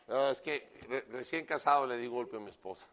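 A man preaching a sermon loudly and emphatically, with joking asides and frequent direct address to his listener. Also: mid-range voice, fairly quick. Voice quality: loud, emphatic delivery.

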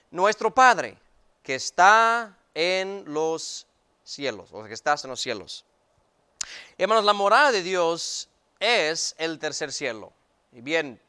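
A man preaching a sermon to his congregation in a church, speaking emphatically and swinging between loud and quiet. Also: high voice, smooth. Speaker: pastor.

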